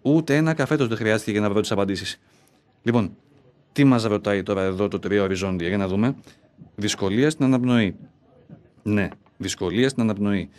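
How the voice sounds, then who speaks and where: An actor playing a middle-aged, lonely, self-loathing bank clerk shut in a basement vault, talking aloud to himself in a theatrical monologue. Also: male voice, on the low side, pauses often, a little mellow, natural voice. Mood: wry, musing, then panicked, gasping. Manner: talks aloud to himself, argues with his own self. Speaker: actor in a one-man stage monologue.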